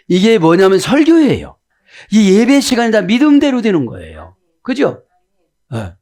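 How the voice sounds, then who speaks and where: A male pastor preaching an expository sermon, constantly asking his listeners rhetorical questions and acting out the quotes he reads. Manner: acts out the biblical quotes with shifts in pitch.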